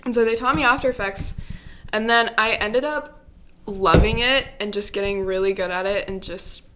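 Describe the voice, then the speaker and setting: Brief: young woman guest on a casual podcast, relaxed and chatty, easy laugh. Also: mid-range voice, normal speed. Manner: chatty, laughs easily, trails off with fillers. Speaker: guest, compositor.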